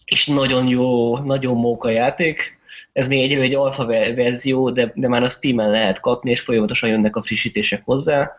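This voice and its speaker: A man's voice: mid-range voice, steady tone. A man co-hosting a podcast, chatting eagerly about a game, with hesitant restarts. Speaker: podcast co-host. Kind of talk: casual chat. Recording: dull lo-fi recording.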